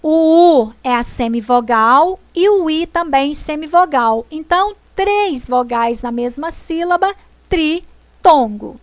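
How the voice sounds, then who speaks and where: A woman teacher, explaining a grammar lesson slowly and deliberately, stressing syllables as she goes. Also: sits high, lively intonation, no room sound. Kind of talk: slow classroom explanation.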